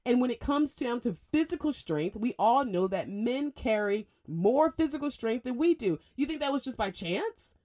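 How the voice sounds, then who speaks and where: A woman hosting a radio talk show, delivering an emphatic, opinionated monologue in a studio, speeding up in bursts and jumping up in pitch for emphasis. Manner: emphatic, lively, fast bursts and sudden pitch jumps.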